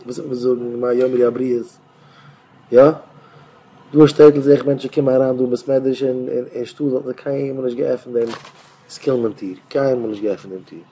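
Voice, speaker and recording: A rabbi speaks in an informal, rambling Torah talk, now and then breaking into louder bursts. His voice is dark and mellow, in a middling pitch for a man, with a faint hiss of noise behind it. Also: steady tone, normal speed.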